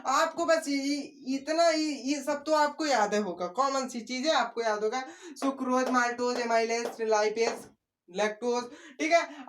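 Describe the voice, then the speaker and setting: A man's voice: very high-pitched, a bit bright. A male teacher giving an exam-prep video lesson in a playful, joking way, repeating key words to drive them home.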